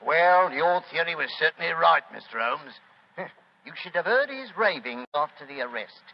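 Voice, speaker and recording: An actor playing a deferential, plain-spoken police inspector in a 1940s radio drama. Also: male voice, on the high side, very animated, normal speed. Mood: matter-of-fact. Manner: chuckling, deferential. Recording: muffled, faintly noisy 1940s radio recording.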